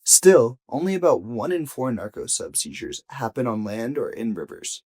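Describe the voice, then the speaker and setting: This journalist narrates a scripted news investigation for audio, choosing his words deliberately and pausing for emphasis. His mid-range voice is very animated, a little mellow, and has a breathy edge.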